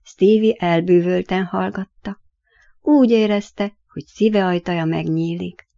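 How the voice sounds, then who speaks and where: A woman, the author, narrating her own children's story in an expressive, measured way. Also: fairly low pitch, vocal fry, highs cut off.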